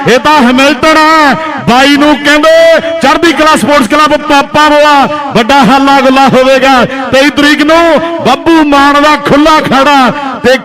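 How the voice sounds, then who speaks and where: A man's voice: very high-pitched, fairly even intonation, moderate pace, poor audio. A man calling a live kabaddi match, announcing in repeated phrases. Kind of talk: live sports commentary. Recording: crowd noise at outdoor match.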